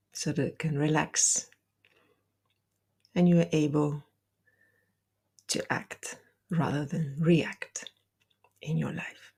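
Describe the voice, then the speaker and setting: A deep-voiced woman leads a guided meditation, giving gentle, deliberate instructions in soft, breathy phrases.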